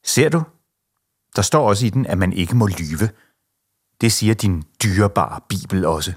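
A man reading aloud the lines of an angry, defiant young boy who taunts and shouts. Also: lowish voice, lively intonation, husky. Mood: accusing.

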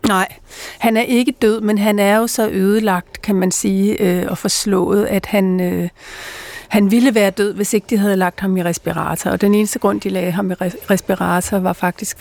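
A middle-aged woman author talking reflectively in an interview, pausing often with fillers. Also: mid-range voice, flat delivery, creaky, a little mellow, no echo. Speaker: author and guest. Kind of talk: conversational interview.

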